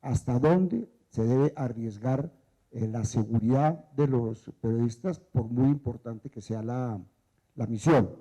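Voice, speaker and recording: A man's voice: mid-range voice, slow pace, dark tone. A man speaking on a panel, reflective and raising questions. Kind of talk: panel discussion. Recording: dull lo-fi event recording.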